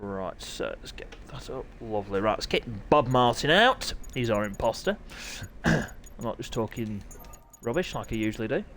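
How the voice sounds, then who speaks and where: A man commentating live online races with an excitable, chatty manner, his throat sore and hoarse. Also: mid-range voice, normal speed, a little hiss or hum. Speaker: sim racing commentator.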